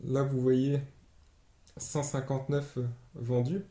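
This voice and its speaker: A man giving a screen-share tutorial as an online sales trainer, explaining step by step and pausing often on fillers. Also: medium pitch, flat delivery, warm tone. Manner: explanatory, hesitant with many fillers. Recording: roomy echo.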